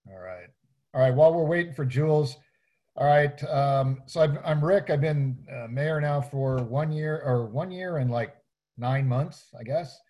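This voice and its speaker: A man who is mayor, leading casual meeting introductions, relaxed and hesitant with many fillers. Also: a little high, measured pace. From Hawaii.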